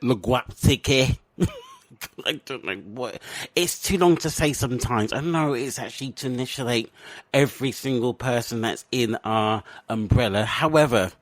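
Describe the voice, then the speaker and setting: A man's voice: mid-range voice, normal speed, no room sound. Playful rambling English man, dry sound. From England. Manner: playful, rambling, self-mocking. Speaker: podcast host. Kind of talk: comedic casual chat.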